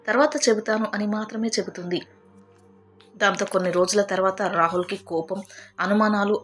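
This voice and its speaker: Low-voiced woman narrating a story. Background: faint background music.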